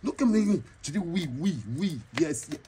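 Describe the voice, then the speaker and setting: A man's voice: fairly high pitch, measured pace, warm tone, a little hiss or hum, lightly acted. A man with an Ivorian French accent playing a flamboyant, boastful female braider chief who tells comic tales and slips into broken English. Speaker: comedian. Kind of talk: comic monologue in character.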